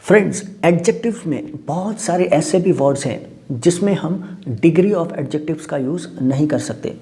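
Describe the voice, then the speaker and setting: Gravelly-voiced man teaching grammar. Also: on the high side, expressive, moderate pace, mellow. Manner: says "okay" constantly, spells words letter by letter. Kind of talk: explaining lesson in Hindi with English terms.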